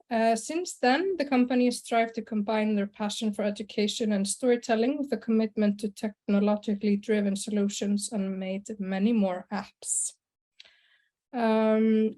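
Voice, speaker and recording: A young woman from Iceland giving a conference presentation over a video call, relaxed, with many fillers and throat clearing. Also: on the high side. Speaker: conference presenter, sales and marketing director. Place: small room indoors.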